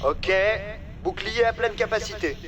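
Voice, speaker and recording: An actor playing a nervy cryo bay technician aboard a warship in a video game. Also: male voice, high voice, unhurried, a crowd in the background. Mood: procedural.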